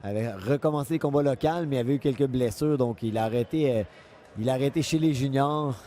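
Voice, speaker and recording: Dark-voiced Quebec man calling boxing. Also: medium pitch, fast. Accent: Quebec French. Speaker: boxing commentator, analyst. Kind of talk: live unscripted fight commentary.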